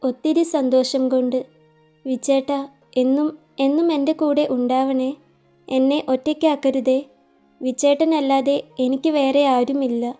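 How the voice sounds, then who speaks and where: A woman narrator voicing a tender young woman in love, soft and pleading. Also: high-pitched.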